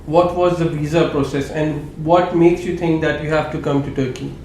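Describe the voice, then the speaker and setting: A man's voice: fairly high pitch, steady tone, moderate pace, a little mellow. A man from Pakistan hosting an interview, casual and encouraging, with frequent affirmations. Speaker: interview host. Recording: echoey room with faint noise.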